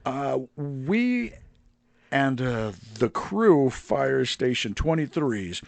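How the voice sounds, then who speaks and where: Male podcast co-host, gravelly and very animated, playful and hyped, dry sound. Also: medium pitch, heavy background noise. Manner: playful, hyped, quick quips. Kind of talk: casual podcast banter.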